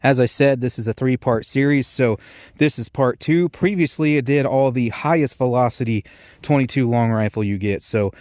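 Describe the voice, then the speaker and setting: A man's voice: medium pitch, moderate pace, darkish tone, dry recording, studio quality. A man hosting a video, explaining products in a casual, rambling, informal way. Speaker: host of an ammunition test channel. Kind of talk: casual product-test commentary.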